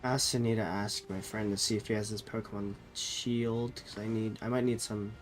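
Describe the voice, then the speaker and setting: Streaming a game while sick with a cold, a man chats loosely with viewers in a nasal, fairly low voice. His tone is steady and his pace moderate, and he often corrects himself mid-thought.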